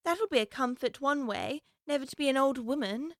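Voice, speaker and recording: A woman's voice: sits high, lively intonation, moderate pace, no echo, studio quality. A woman voicing Alice, a curious young girl talking to herself in a storybook audiobook. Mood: musing. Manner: musing aloud to herself, prim and wondering.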